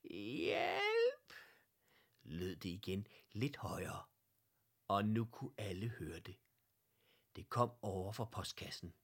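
Lowish-voiced man reading a children's story. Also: breathy edge. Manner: gentle, lively read-aloud voice that acts out every character. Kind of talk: children's audiobook narration.

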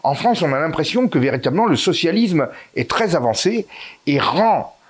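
His voice sits on the high side and is very animated, moving at a moderate pace with a breathy edge; he is an Italian man guesting in a political interview. Fillers and restarts crowd his hesitant talk, broken by strong, rising emphasis on key words.

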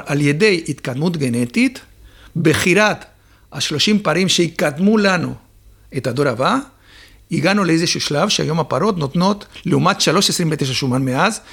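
Man, dairy expert, explains patiently with lots of pauses; gravelly, slightly husky voice sitting a bit high. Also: fairly bright tone. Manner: explains step by step with many filler pauses. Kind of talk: explanatory interview talk.

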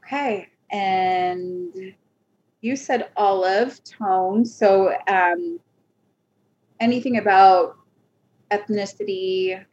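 A woman hosts an interview and asks her guest questions in a gentle, hesitant manner. Her voice is breathy and husky, and the recording sounds dull and lo-fi. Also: medium pitch, extremely slow, pauses often. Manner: gentle, hesitant prompting with filler words. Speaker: podcast host.

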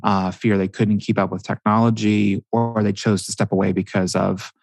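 A man with a somewhat low voice talks as a guest expert on a podcast. He tells his points as animated stories and fills his pauses with frequent ums. The recording is dry and close, with almost no room sound. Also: no echo. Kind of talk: podcast interview.

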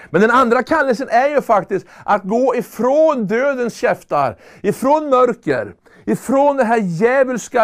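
A man with a notably high voice preaches a sermon. He speaks earnestly and with emphasis, often building up to loud, ringing calls.

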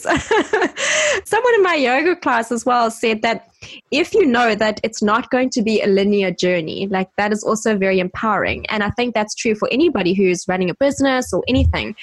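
A woman co-hosting a podcast in casual chat, talking brightly and laughing often, with high giggles. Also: no room sound. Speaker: podcast co-host.

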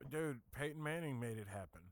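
A man's voice: medium pitch, expressive, fairly quick, a little hiss or hum. A man hosting a podcast in casual banter, teasing his co-host and asking the guest questions.

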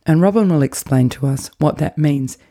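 Low-voiced woman hosting a podcast. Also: moderate pace, warm tone. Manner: friendly, brief acknowledgements, chatty. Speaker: podcast host. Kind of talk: podcast interview.

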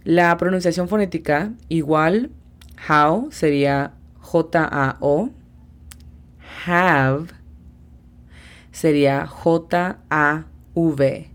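Woman teacher, low voice, unhurried drills. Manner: slow, careful pronunciation drills. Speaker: English teacher. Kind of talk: podcast language lesson.

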